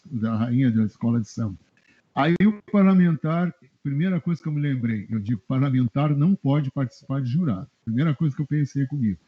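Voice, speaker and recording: A middle-aged man from southern Brazil, a journalist guest telling animated anecdotes in a casual interview and chuckling often. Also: mid-range voice, breathy edge. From Rio Grande do Sul, Brazil. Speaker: journalist guest, press adviser. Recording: dull lo-fi web radio audio.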